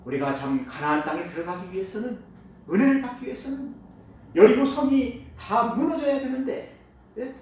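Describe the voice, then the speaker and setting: A pastor preaching a sermon with strong emphasis, his delivery swinging between loud calls and hushed asides. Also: extremely high pitch, normal speed. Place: church sanctuary. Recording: echoey hall, picked up from a distance.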